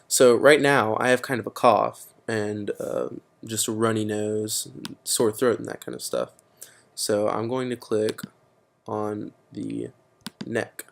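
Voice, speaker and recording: With a fairly low, expressive voice touched by vocal fry, a teenage boy takes his time in a casual, screen-recorded computer tutorial. He explains each step using frequent fillers.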